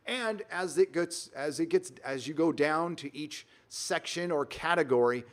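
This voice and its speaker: A man's voice: a little high, a little slow. A man from Southern California hosting a casual livestream from a rented home on the road, reading out viewer donations and talking in an emphatic, rambling way with frequent restarts. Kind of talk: casual live-stream commentary.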